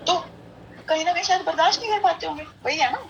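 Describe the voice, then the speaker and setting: A woman's voice: very high voice, fast talker, muffled recording, heavy background noise. A woman guest on a podcast, telling a long family story in casual chat, acting out what people said and often checking in with "right?", with English phrases dropped into her talk. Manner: mixes English phrases into Hindi; acts out quoted dialogue, keeps asking "right?".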